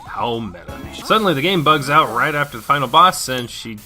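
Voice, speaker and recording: A man's voice: medium pitch, expressive, a little fast, over music. A man narrating a video game review with joking asides and playful commentary.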